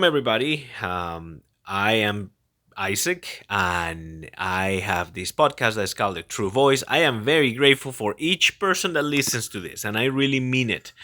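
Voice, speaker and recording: This bright-voiced man, pitched fairly low, hosts a casual solo podcast monologue. Born in Peru and raised in Spain, he speaks Spanish as his first language, and his delivery is halting and rambling, often repeating himself.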